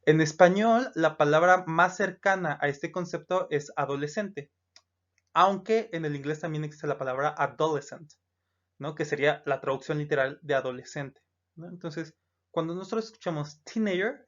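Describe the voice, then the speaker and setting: In a recorded lesson, a teacher with a Mexican Spanish accent patiently reads each English number aloud, repeats it, and checks in with "¿no?". The voice is medium-pitched and moves at a normal speed, explaining things with plenty of "eh" and "¿no?" along the way. The lo-fi recording sounds slightly dull.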